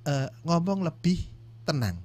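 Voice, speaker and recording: Indonesian male counselor, explanatory and casual, pitch a touch high. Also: very animated, a little slow, a little mellow. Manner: explanatory, adds short asides. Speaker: marriage counselor. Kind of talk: casual advice talk.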